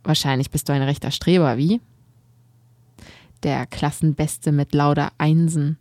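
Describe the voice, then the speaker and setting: A woman voicing a gruff, disapproving old male shopkeeper who questions a boy sternly in an audiobook. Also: deep voice, fairly even intonation, a little slow, a little mellow, no room sound, studio quality. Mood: stern, probing. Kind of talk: audiobook character voice.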